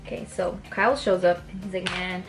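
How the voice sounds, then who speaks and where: A woman's voice: mid-range voice, steady tone, brisk, creaky, music in the background. A young woman vlogger telling a story in a casual chat, often checking in with "right?".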